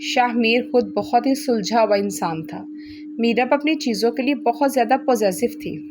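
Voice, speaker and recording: A woman storyteller reading a romantic novel aloud with steady, expressive narration. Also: a little high, normal speed, noisy background.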